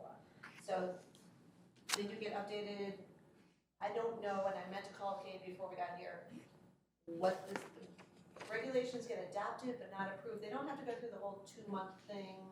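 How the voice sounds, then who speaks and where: A woman rambles through an explanation at a policy meeting, hedging and apologizing as she goes. Her voice comes from far off the microphone in a strongly echoing room. Background noise hums steadily under her. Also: mid-range voice. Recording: very echoey, distant, noisy room mic.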